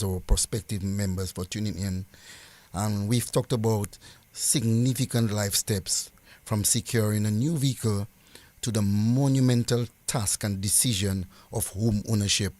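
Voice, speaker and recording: A man with a somewhat low voice addresses listeners as a company spokesman. His closing remarks are formal and earnest, with key phrases repeated for weight, and the sound is dry. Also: unhurried, a little mellow, no room sound. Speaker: credit union representative.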